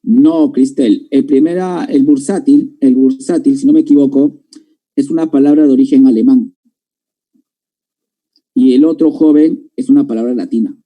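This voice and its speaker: Male teacher, middle-aged, dark and husky, patient classroom explainer. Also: medium pitch, poor audio. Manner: explains step by step, checks understanding with questions. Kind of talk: classroom grammar lesson.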